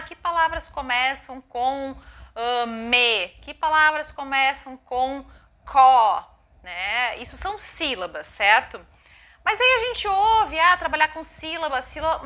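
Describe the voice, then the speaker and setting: A woman's voice: high-pitched, sharp tone. A woman explaining a lesson for teachers, checking in with frequent tag questions. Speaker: educator explaining phonological awareness. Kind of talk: educational video explanation.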